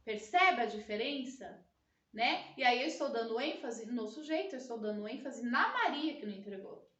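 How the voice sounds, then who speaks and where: A woman's voice: fairly high pitch, lively intonation, normal speed, fairly bright tone, echoey room, recorded from a distance, lo-fi sound. A woman teaching a grammar lesson, explaining step by step and checking in with her listeners. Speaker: Portuguese teacher.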